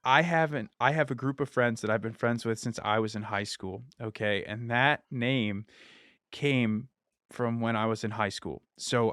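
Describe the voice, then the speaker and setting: A man hosting a podcast interview, thanking his guest and telling a story in a relaxed, chatty way. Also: mid-range voice, clear, resonant tone, no echo, clean studio sound. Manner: relaxed storytelling, acts out quoted lines. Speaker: podcast host. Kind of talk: casual interview chat.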